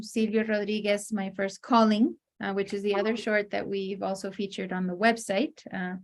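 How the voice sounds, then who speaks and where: A woman hosting an online panel, introducing the guest in a measured way. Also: mid-range voice. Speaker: host.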